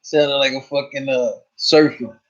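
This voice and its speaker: This New York host runs a casual live stream in a loose, profane way and often repeats himself. He has a medium-pitched, steady voice and speaks a little slowly. The stream audio comes across as dull and lo-fi.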